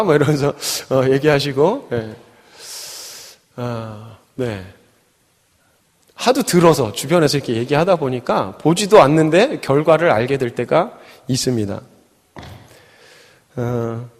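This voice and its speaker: A man preaches to a youth service in a casual, storytelling way, peppering his talk with fillers and little acted-out quotes. His voice sits a touch high for a man. The church around him carries a long, ringing reverb. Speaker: youth pastor. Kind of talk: sermon with storytelling. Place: church sanctuary.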